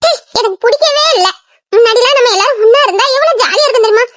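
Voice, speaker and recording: Brief: performer as a bubbly, teasing young sister, squeaky high voice, audio drama. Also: a bit bright, no room sound. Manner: playful, teasing, quick to laugh. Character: cheerful teasing young woman, the hero's sister. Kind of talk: amateur audio drama acting.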